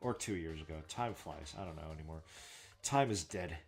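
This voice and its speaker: A man's voice: deep voice, brisk, gravelly. A man casually rambling and joking while commentating his own game playthrough, often trailing off. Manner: casual, self-deprecating, trailing off, swears. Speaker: let's play host.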